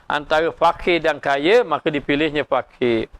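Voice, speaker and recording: A Malaysian Malay man teaching religion, his slightly raised voice smooth and resonant. He talks through points with many "ha" fillers and asks rhetorical questions. The recording is close and dry. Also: a little high, moderate pace, fairly bright tone, no room sound. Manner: acts out dialogue in raised voice. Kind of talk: religious lecture.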